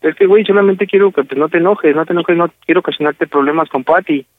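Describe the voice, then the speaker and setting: A man's voice: a little high, fast talker, dry recording. A man with a Mexican accent making a prank phone call, pleading and slangy. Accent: Mexican Spanish. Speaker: prank caller.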